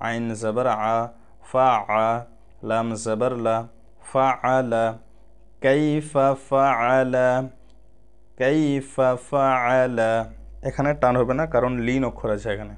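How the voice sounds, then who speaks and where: Bengali-accented guy teaching arabic letters for quran reading, drags every syllable out slow then rattles off quick explanations. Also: medium pitch, fairly even intonation, clear, resonant tone. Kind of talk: spelling out Arabic letters and vowels in a recitation lesson.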